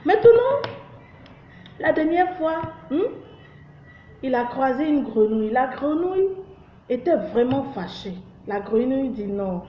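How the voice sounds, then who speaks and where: A woman's voice: high voice, big pitch swings, unhurried, pauses often. A woman hosting a comedy joke-news vlog, chatty and teasing with lots of fillers. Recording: roomy, dull lo-fi.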